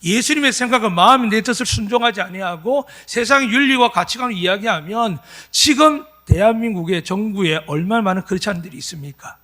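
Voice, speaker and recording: A man's voice: sits high, brisk, few pauses, pushed and bright. A pastor in his fifties preaching at a Sunday church service, emphatic and full of rhetorical questions to the congregation. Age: 50s. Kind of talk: sermon.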